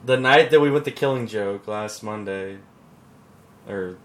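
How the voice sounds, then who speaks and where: A man co-hosting a podcast in casual chat, relaxed and rambling with fillers and restarts. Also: on the low side, measured pace. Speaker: podcast co-host.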